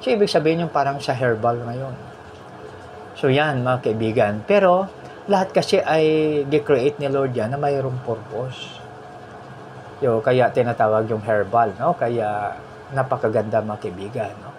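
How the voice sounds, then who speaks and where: A man preaching a sermon, telling stories in an animated way, mixing in English phrases and ending points with "no?". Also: unhurried, slight background noise. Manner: animated storytelling, voice rising high when quoting people; mixes English phrases into the preaching, frequent "no?" tags.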